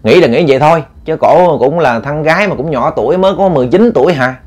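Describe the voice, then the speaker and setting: A man's voice: on the high side, quick pace, a little mellow. A man narrating a ghost story in a colloquial, meandering way, often repeating words.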